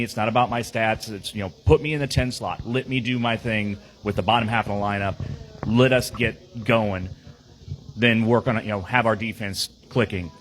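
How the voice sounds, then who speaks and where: Rambling low-voiced man, podcast chat. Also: fairly bright tone, poor audio. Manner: rambling, many fillers and restarts. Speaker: team player on a podcast.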